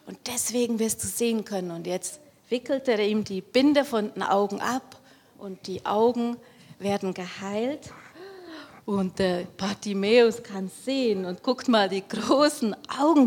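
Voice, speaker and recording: A woman tells a Bible story to children and points out the pictures as she goes. Her voice is a little high and lively. She pauses to ask the kids questions. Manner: lively, explaining, asks the audience questions.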